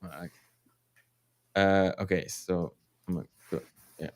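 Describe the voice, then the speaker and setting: A man's voice: deep voice, fairly even intonation, takes it slowly, gravelly, darkish tone. A man with a French accent hosting a casual crypto livestream, rambling with lots of fillers, swearing and laughing.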